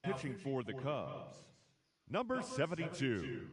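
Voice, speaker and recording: A ballpark announcer in a baseball video game, his drawn-out calls booming through a stadium loudspeaker from far off. His pitch swings widely on each name, and a busy crowd fills the air around him. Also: wildly swooping pitch. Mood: announcing. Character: male ballpark public-address announcer. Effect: stadium public-address loudspeaker. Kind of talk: public-address announcements. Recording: distant loudspeaker over crowd noise.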